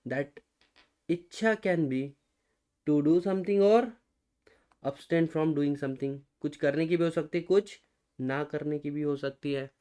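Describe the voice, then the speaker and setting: Higher-pitched Indian man, quizzing lecturer. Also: takes it slowly, long pauses, mellow, clean tone. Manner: quizzes students with repeated rhetorical questions; mixes Hindi and English, addresses students as guys. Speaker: law lecturer. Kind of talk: recorded exam-prep lecture.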